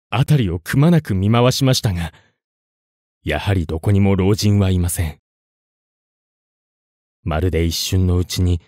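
A man narrating a scripted ghost story in a suspenseful, dramatic way, with deliberate pauses. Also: on the low side, darkish tone, no echo, clean studio sound.

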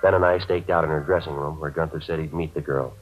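An actor playing a terse male police sergeant who narrates his case in a clipped, deadpan way, heard as an old AM radio drama broadcast. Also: a bass voice, fast, faint music behind. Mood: flat. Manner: clipped, deadpan report of times and facts. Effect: old AM radio broadcast sound. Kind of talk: 1950s radio drama acting. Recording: muffled lo-fi 1950s AM radio broadcast.

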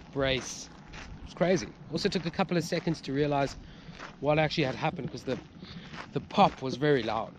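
South African man vlogging, noisy outdoor sound. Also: mid-range voice. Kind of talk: casual vlog chat. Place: outdoors by river and roadside. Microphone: handheld camera at arm's length.

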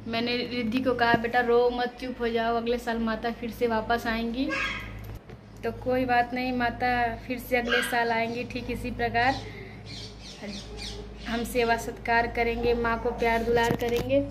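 A woman's voice: a little high, completely flat delivery, a little slow, background noise. A woman in her thirties, a mother and vlogger, speaking in a tearful, prayerful way about her family and her daughters. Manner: tearful prayerful speech, shouting at children. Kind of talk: casual devotional family vlog.

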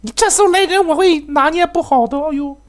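A man giving excitable, profanity-laced live commentary on his own game, laughing and talking to his teammates. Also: extremely high pitch, fairly quick. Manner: excitable, swears often, laughs, talks to teammates. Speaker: game streamer.

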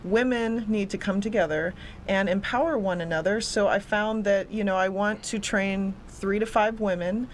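A woman's voice: medium pitch, moderate pace. Earnest young woman, fitness coach guest, desk mic in studio, faint noise. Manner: earnest, eager, repeats words when excited. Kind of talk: studio interview, casual. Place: small studio set with a city backdrop. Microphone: desk microphone on a stand.

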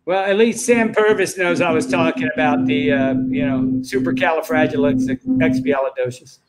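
A man's voice: a little high, lively intonation, normal speed, a loud crowd, poor audio. A man co-hosting a casual show, chiming in with short jokey remarks. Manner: jokey, brief interjections. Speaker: co-host. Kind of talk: casual chat.

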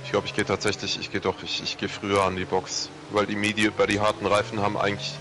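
A young man with a lowish voice chats casually during a game. He thinks aloud in halting repeats, with clear vehicle noise behind him. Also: completely flat delivery. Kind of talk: casual gaming chat. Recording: voice chat over loud car-game noise.

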